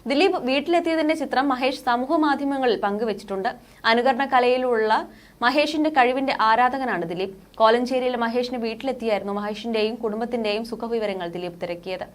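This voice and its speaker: High-voiced woman reading entertainment news. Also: brisk. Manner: steady formal read-out delivery. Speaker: news reader. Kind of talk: scripted news narration.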